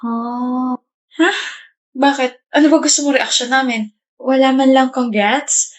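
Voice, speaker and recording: A woman's voice: high voice, fairly even intonation, a little slow. A woman acting out a school skit, chatting and bantering among friends. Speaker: skit actor. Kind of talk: scripted school skit dialogue.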